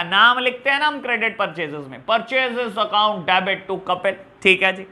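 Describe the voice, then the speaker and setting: A man's voice: very high voice, bright, forceful tone. A man teaching an accounts lesson, talking fondly to his students and mixing with terms. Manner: affectionate, calls students "my dear children". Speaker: commerce teacher. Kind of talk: classroom lesson explaining journal entries.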